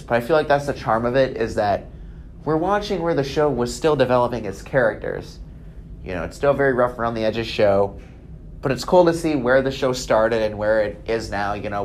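A man's voice: mid-range voice, a little hiss or hum. A man hosting a podcast, reviewing in a casual, unedited way, rambling conversationally with frequent restarts and stammers. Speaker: podcast host.

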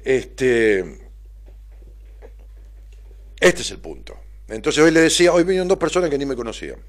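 A psychotherapist with a Rioplatense Argentine Spanish accent hosts a casual live stream, reading viewer messages aloud and telling stories in a blunt, profane, animated way. His voice is medium-pitched with a moderate pace.

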